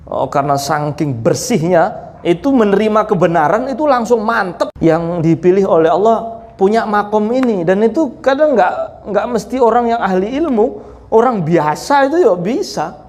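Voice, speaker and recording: A man preaching in a relaxed, storytelling way. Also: high-pitched, moderate pace. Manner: relaxed, chatty, mixes in laughs. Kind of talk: sermon storytelling.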